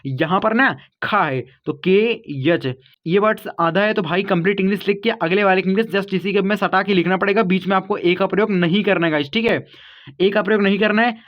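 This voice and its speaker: Male teacher, high voice, patient step-by-step explaining, dull lo-fi sound. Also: brisk. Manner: patient step-by-step explaining, addresses viewers as kids and guys. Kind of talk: online spelling lesson.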